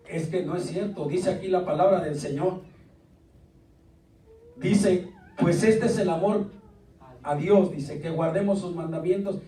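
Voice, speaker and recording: A man preaching a lively, joking sermon as pastor, calling out questions to his congregation. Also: sits high. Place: church sanctuary. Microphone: distant from the mic. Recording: echoey church recorded from a distance.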